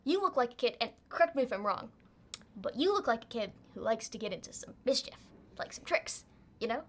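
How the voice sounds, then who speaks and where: A little talking hare acted out by a woman at a game table. The voice is small, pixie-like and on the high side. It chats like a street-wise trickster, always chummy and coaxing. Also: big pitch swings, fairly quick. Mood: sly, coaxing. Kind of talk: tabletop role-play.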